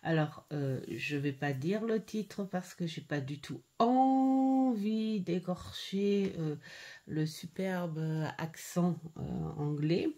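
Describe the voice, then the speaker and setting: A middle-aged woman chatting casually at home as she reviews an oracle card deck, pausing often with fillers and restarts. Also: on the low side, animated, mellow. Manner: hesitant, full of "euh" fillers and restarts. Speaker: tarot and oracle card vlogger. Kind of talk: casual unboxing and review chat.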